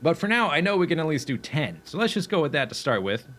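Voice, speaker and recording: A gameplay commentator muses aloud over a factory game in a chatty let's play, using fillers, correcting himself, and hiccuping along the way. His voice sits on the high side, a bit bright, with big pitch swings and a fast delivery.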